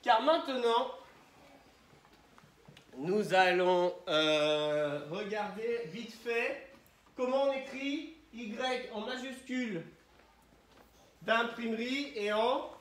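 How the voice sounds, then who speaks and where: A man teaching young children, asking questions and spelling words out slowly syllable by syllable. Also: very high voice, expressive, fairly bright tone, distant mic. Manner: questioning, prompting pupils to answer. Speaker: primary school teacher. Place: classroom. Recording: roomy echo, voice from the mic.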